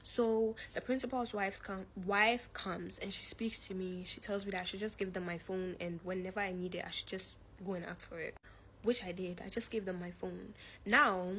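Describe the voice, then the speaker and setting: On a rough recording with some hiss or hum, a teenage girl of 17 speaks at medium pitch, steady and fairly bright, at a normal speed. The student shares a personal story bluntly and emphatically, with candid repetition and slang.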